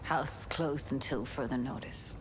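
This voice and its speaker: A woman's voice: extremely low pitch, moderate pace, a little hiss or hum, rough recording. An actress playing a weary, tender but guarded young woman diver in a video game drama. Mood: downcast, guarded.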